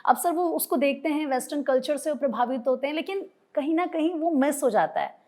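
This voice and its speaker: A woman's voice: high-pitched, brisk, warm tone. A woman interviewer asking polite, prompting questions. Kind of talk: conversational interview.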